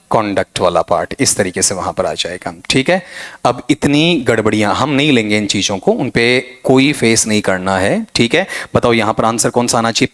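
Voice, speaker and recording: Lively male English teacher. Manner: quizzing students with constant checks, "ok?"; lively, swings high and low in pitch. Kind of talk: exam-prep pronunciation lesson.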